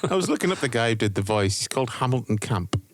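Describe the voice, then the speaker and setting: A man's voice: mid-range voice, big pitch swings, fast, a little hiss or hum. A man co-hosting a podcast in casual film chat, laughing and swearing casually. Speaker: podcast co-host.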